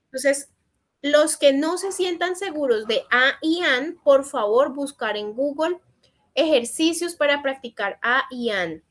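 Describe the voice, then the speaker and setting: A woman teaching an online English class in Spanish, reading out student answers and gently correcting them. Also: high-pitched, lively intonation, unhurried. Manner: encouraging corrections in a patient teacherly tone. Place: online session.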